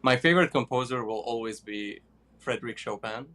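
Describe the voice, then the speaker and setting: A young man from Iraq, a pianist guest, answering interview questions with many pauses and fillers. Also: medium pitch, a bit bright.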